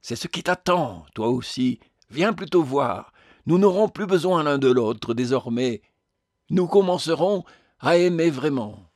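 A man voicing a joyful, serene woman from heaven who speaks gently but insists calmly. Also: a little high, a little slow, dry recording, clean studio sound. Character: radiant, serene heavenly lady, joyful and firm.

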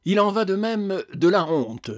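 A man voicing a calm, patient male spirit who speaks in a measured, gently firm way. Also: high-pitched, no room sound, studio quality, pitched above the performer's own voice. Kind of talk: audiobook character voice.

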